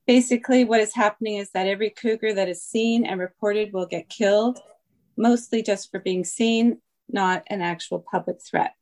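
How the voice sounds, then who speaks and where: A woman's voice: medium pitch, steady tone, moderate pace, a little mellow. A woman calling in to a meeting to give a prepared public comment, earnest and reading from notes with a few ums. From Washington State. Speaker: caller. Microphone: phone call-in.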